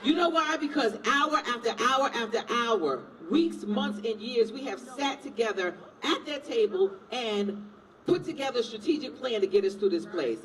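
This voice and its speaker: Fiery, very high-voiced man leading a rally. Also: animated, moderate pace, fairly bright tone. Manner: fiery, call-and-response. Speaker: assembly member. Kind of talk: rally speech. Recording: distant mic with a noisy crowd.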